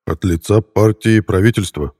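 A man voicing a blunt, commanding older party official in an audiobook, brisk and authoritative. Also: on the low side, warm tone, breathy edge, no room sound, studio quality.

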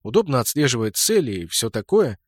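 A man narrating a first-person audiobook in a steady, even reading. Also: mid-range voice, a little fast, no room sound.

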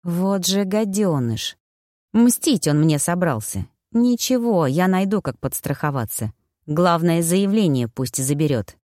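A woman's voice: fairly low pitch, expressive, measured pace, dark tone, no room sound, studio quality. A woman reading an audiobook, voicing the wry inner thoughts of a shrewd young widow.

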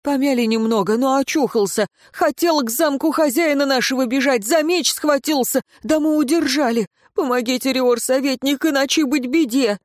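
A frantic older peasant father, as a woman reader puts him on, crying out for help in a raised, strained voice that rides high with desperation. Dry, close storybook read. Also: moderate pace, few pauses, no echo, close to an everyday voice. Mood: desperate. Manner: desperate, shouting, tearful pleading. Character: anxious peasant father, older man, loud and pleading.

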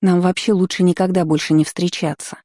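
A woman reading a fantasy novel aloud as a first-person audiobook narrator, in a measured, even storytelling manner. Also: lowish voice, no room sound, studio quality.

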